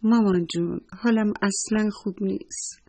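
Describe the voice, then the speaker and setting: A man voicing a polite little boy who is sick, speaking softly and obediently. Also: high-pitched, steady tone, gravelly, husky, voice pushed up, exaggerated voice. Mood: gentle. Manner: soft, obedient.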